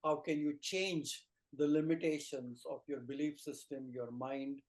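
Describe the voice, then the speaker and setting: A middle-aged Ayurvedic teacher from rural India, speaking with an Indian accent, explains things earnestly as an interview guest. He builds his points in short phrases and lists, his fairly high voice keeping an even intonation at a slightly slow, mellow pace.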